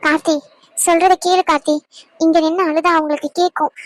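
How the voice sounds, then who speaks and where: A caring young heroine in a cartoon, voiced by a woman with a very high voice. She talks quickly, soothing and urging. The sound is dry and close. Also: little pitch movement, no room sound. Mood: comforting.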